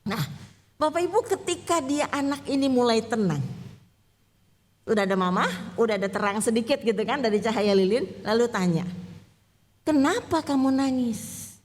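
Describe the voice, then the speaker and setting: A woman pastor with a high, bright-pitched voice gives a chatty, conversational sermon from inside a church. She keeps asking the congregation questions and laughs easily. Her voice rings with a long reverberant hall echo. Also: expressive, a little fast.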